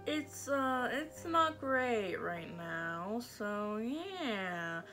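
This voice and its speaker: A young woman narrating her vlog in an informal, low-key voice-over. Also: sing-song, drawn-out words, bright, forceful tone, soft background music. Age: young adult. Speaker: vlogger.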